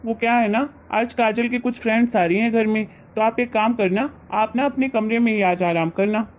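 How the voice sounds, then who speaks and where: A calm, dutiful son who soothes his mother and gently pushes back at his wife, as a woman acts him out. His voice sits fairly high for the role. The audio is dull and lo-fi. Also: moderate pace, close to an everyday voice. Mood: gentle. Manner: soothing, conciliatory.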